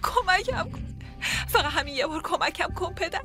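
A woman's voice: very high-pitched, expressive. An actress playing a frightened young woman who begs her father for help in a dubbed drama. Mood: pleading. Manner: pleading, desperate. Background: background music.

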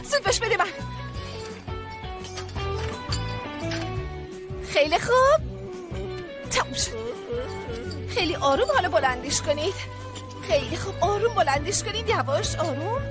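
A very high-voiced, bossy psychiatrist. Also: female voice, big pitch swings, long pauses, over music. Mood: commanding. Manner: soothing to patients, commanding to staff. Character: brisk, bossy female hospital psychiatrist. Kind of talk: dubbed drama acting.

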